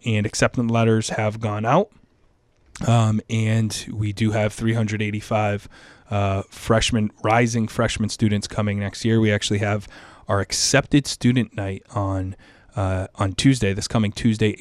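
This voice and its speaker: Brief: passionate middle-aged man, school leader in an interview, lowish voice, dry close sound. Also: no echo. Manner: energetic, passionate, repeats himself. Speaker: high school administrator. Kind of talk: interview answers.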